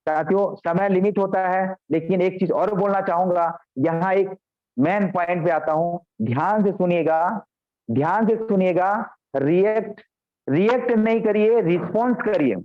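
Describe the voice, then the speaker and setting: A man's voice: sits high, a little slow. A man giving a motivational business training on a video call, repeating key points and often addressing his listeners directly. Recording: dull lo-fi call audio.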